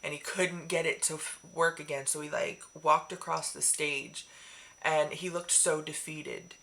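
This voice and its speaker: A woman vlogger chatting casually in a rambling, excitable way with many fillers. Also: deep voice, measured pace. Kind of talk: casual chat.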